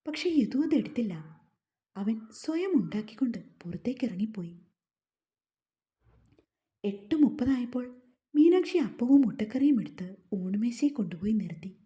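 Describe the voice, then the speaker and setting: A woman narrating a romance novel in a calm, even-paced audiobook reading. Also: on the high side, normal speed, pauses often. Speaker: storyteller.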